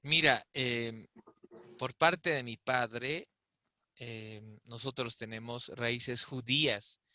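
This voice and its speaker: A man's voice: mid-range voice, fairly even intonation, very slow, pushed and bright, no room sound. A man giving an explanatory talk in a discussion, often asking rhetorical questions. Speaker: invited speaker. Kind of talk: conversational talk in an online discussion.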